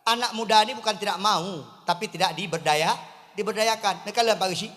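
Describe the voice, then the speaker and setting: A man from Aceh preaching a humorous sermon to a crowd in a mosque courtyard, speaking with an Acehnese accent and swinging between low asides and loud emphatic calls. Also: a little fast, big-room sound. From Aceh, Indonesia.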